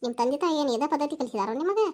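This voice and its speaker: Woman doing an angry village mom scolding loud, high voice, north karnataka accent. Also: expressive, rapid-fire. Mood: furious. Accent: North Karnataka Kannada.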